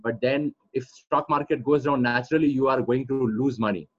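A man's voice: medium pitch, brisk, breathy edge. A man with an Indian accent explaining things as a coach in an interview, repeating phrases for emphasis. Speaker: trading coach being interviewed. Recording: dull, lo-fi audio.

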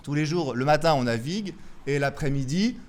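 A young man, a friar, giving an evening talk to students, lively and teasing his listeners. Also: a little high, brisk. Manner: lively and joking, teasing the audience. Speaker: Dominican friar lecturing students. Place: convent lecture hall.

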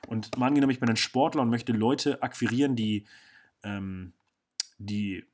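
A man's voice: medium pitch, steady tone, moderate pace, a little mellow, slight background noise. A young man hosting his own podcast, talking bluntly and casually with slang, often stopping to correct himself. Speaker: podcast host. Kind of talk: casual solo podcast monologue.

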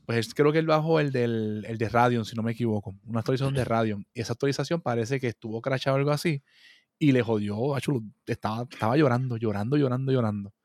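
A Puerto Rican man in casual banter, talking at a rapid clip. He tells his story playfully and keeps pushing back when teased. The sound is dry and close, with no room tone. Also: mid-range voice, darkish tone, dry recording. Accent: Puerto Rican Spanish. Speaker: podcast co-host. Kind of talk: casual chat.

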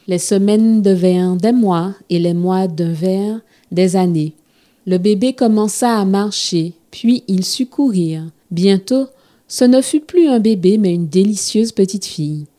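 Mellow-voiced woman reading to children. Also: mid-range voice. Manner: gentle, expressive reading. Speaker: children's storyteller.

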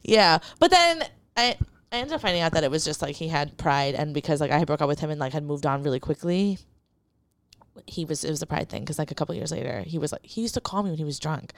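A woman's voice: low voice, animated, fast, gravelly, no room sound. A young woman as a podcast guest, telling a personal story in casual chat, rambling with lots of "like" and quoting herself.

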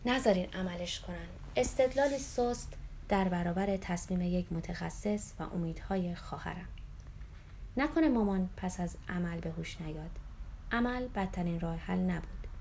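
A woman reads a memoir aloud in a calm, somber way, her voice sitting a little lower than most. At times she drops to a near whisper as she tells it. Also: a little hiss or hum. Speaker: narrator.

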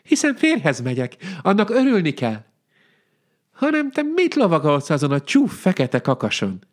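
A man voicing a merry, fearless young princess in a folk tale, in a much higher voice than his own. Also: wildly swooping pitch.

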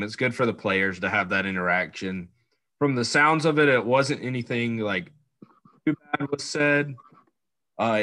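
Man, co-host, casual sports talk, low pitch, dry close sound, thoughtful. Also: sharp tone, no echo. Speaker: podcast co-host.

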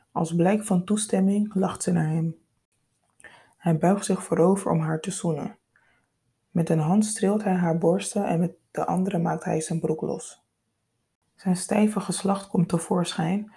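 A woman reads a scripted story in a calm, unhurried, intimate way. Her voice is low and husky, with a gravelly fry and a dark, mellow tone. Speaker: narrator.

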